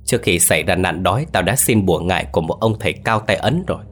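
A man's voice: deep voice, lively intonation, fast, a little hiss or hum. A man voicing an enraged, vengeful old man. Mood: bitter. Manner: roaring, threatening.

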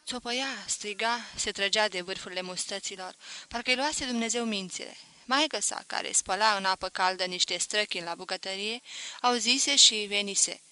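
A woman reading a novel aloud in a measured, expressive storytelling manner, close to the microphone. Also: mid-range voice, no room sound. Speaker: audiobook reader. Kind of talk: literary reading.

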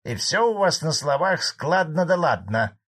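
A man playing a cantankerous old collective-farm cattleman in an audiobook, talking gruffly and raising his voice well above the narrator's. The figure has a husky, slightly rough tone and grumbles indignantly at his bosses. His lines come loud, pitched up and heated. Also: sing-song, unhurried, heavily acted. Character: angry old male Soviet cattle farmer, blunt.

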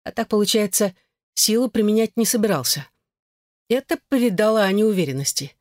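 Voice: medium pitch, expressive, a little fast, no room sound, clean studio sound. An audiobook narrator reading a novel aloud in scripted narration.

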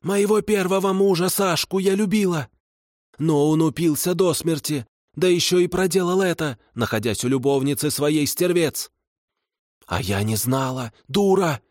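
A man's voice: on the high side, moderate pace, a little mellow, dry recording, clean studio sound, voice pushed up, natural voice. A man voicing a desperate old female swamp spirit who shrieks and hisses. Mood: bitter. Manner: shrieking and hissing.

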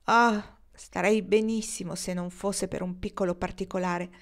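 A worldly, wry young pioneer woman, as a woman reading a novel aloud puts her on, brisk and teasing. She comforts her friend and cracks jokes about her own faults. The voice sits somewhat above the reader's usual pitch. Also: fairly even intonation, lightly acted. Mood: wry, reassuring.

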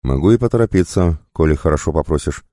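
A man's voice: extremely low pitch, animated, fast talker, mellow, dry recording, studio quality, voice pushed up. A man voicing a grinning, rotten-toothed male tavern drunk who fawns eagerly. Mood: eager fawning.

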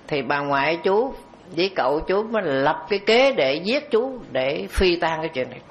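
A man's voice: on the high side, fairly bright tone. A man, a Buddhist monk giving a storytelling dharma talk, speaking conversationally and addressing the audience directly. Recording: dull lo-fi recording.

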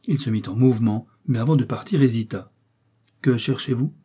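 A man narrates a classic novel in a calm, measured manner. His voice sits in a middle pitch with a dark, slightly husky grain. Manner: measured, even storytelling delivery. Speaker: audiobook narrator. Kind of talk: literary audiobook narration.

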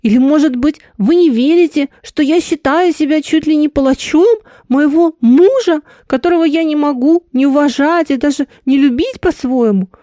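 A woman's voice: high voice, normal speed, hardly any pauses, dark tone, no room sound, clean studio sound, pitched above the performer's own voice, lightly acted. A woman voicing a grief-stricken, guilt-ridden married woman, delivered in an emotional, pleading way. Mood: anguished.

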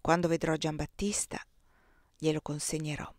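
A woman's voice: sits low, level tone, dry recording. Woman reading a novel aloud. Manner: measured, voicing the dialogue softly. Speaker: audiobook reader. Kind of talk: literary audiobook reading.

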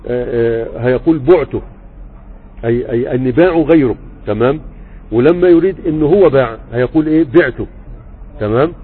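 Fast-talking Egyptian teacher over a tinny line. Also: male voice, medium pitch, breathy edge. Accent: Egyptian Arabic. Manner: conversational, checks understanding often. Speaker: religious teacher explaining grammar. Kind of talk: live online lesson, reading a text and explaining. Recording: tinny phone-like audio.

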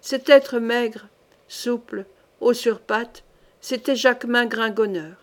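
A woman narrates a historical novel as an audiobook, reading in a steady, measured way. Her voice sits fairly high. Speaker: audiobook reader.

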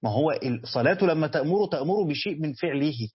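A man's voice: fairly high pitch, expressive, fast, slightly rough, dry recording, lo-fi sound. A man with an Egyptian Arabic accent teaching a Quran commentary lesson. He asks his students questions and then answers them himself. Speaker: religious teacher.

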